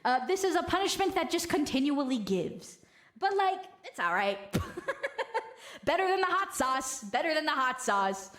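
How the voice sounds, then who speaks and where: A woman's voice: sits high, expressive, moderate pace, a bit bright, reverberant. A woman streamer talking and joking through a voice changer filter, sometimes singing goofy song lines. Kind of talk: casual stream chat.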